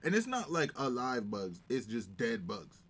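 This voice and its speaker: Animated, slangy man bantering. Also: medium pitch, measured pace. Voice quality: expressive, swooping delivery. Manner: slangy, emphatic, playful. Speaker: streamer, co-host. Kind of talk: casual live-stream banter.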